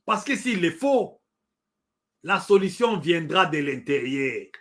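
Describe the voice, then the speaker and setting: A man's voice: a little high, sing-song, takes it slowly. A middle-aged man with a Congolese French accent, giving impassioned political commentary, emphatic and full of repetitions and hesitations. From Democratic Republic of the Congo. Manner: emphatic, repeats points, hesitant fillers.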